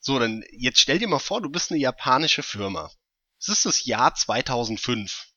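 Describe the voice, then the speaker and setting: A man's voice: medium pitch, very animated, normal speed, sharp tone, dry recording, lo-fi sound. A man co-hosting a casual gaming podcast, explaining his points through hypothetical scenarios. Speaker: podcast co-host.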